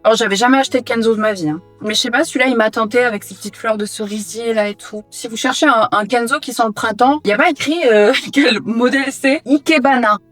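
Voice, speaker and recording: A young woman with a fairly high voice talks casually to the camera while she tidies her own room at home. She chats on and pokes fun at herself. Soft music plays quietly behind her. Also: fast, few pauses. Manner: chatty, self-mocking, talks to viewers while sorting books. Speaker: booktuber tidying her reading room. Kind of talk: casual vlog chat while tidying.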